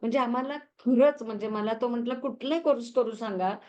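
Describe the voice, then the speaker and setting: A woman's voice: on the high side, brisk, a little mellow. Chatty woman teaching crystal healing. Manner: chatty storytelling, mixes English words. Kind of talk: lesson.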